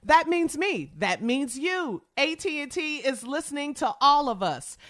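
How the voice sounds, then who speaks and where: A woman's voice: sits high, very animated, measured pace, fairly bright tone. A woman radio co-host talking in an emphatic conversational style, repeating words for punch. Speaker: morning radio show co-host. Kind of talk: conversational radio ad read and banter.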